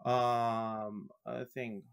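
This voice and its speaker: A man from Iraq, a guest on a podcast, talking casually and haltingly with many restarts while he searches for words. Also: mid-range voice, level tone, creaky, smooth.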